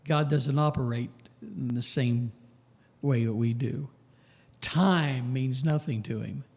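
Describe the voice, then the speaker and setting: A man preaching a sermon in a church, slow and emphatic, lifting his voice on questions and dropping low for asides. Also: gravelly, darkish tone. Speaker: pastor.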